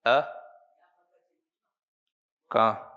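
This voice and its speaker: A Jain monk leads a Prakrit grammar lesson at a slow, patient pace, pausing to ask "है ना?" so students keep up. His tone is bright and forceful, though the audio is dull.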